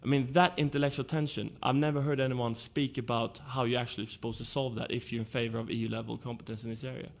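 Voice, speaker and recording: A man's voice: mid-range voice, level tone, fast, vocal fry, hardly any pauses. A man from Sweden with a Swedish accent, speaking as a panelist at a conference and laying out his arguments one point at a time. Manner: argumentative, lays out points in order.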